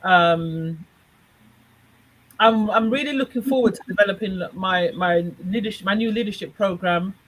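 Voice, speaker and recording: A woman guest in casual conversation, chatty and quick to laugh, often restarting her sentences. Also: medium pitch, poor audio. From Jamaica. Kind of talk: casual chat.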